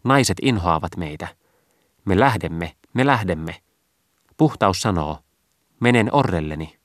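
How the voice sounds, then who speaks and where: A man's voice: sits low, animated, dry recording. Man doing three maiden sisters, lamenting, mournful, chanting, dry recording. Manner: wailing, mournful.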